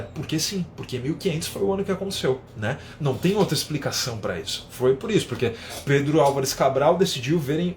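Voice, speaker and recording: A man's voice: on the high side, slight background noise. Chatty São man explaining. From São Paulo, Brazil. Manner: conversational, explains with everyday examples, keeps adding a tag question. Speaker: English teacher. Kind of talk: live online lesson.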